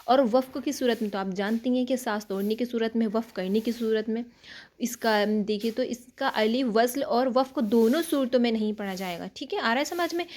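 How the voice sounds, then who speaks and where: A woman teaching Quran recitation rules, explaining patiently step by step, often checking that her students follow, and chanting Arabic words slowly and drawn out. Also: a little high, a little mellow. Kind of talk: online tajweed lesson.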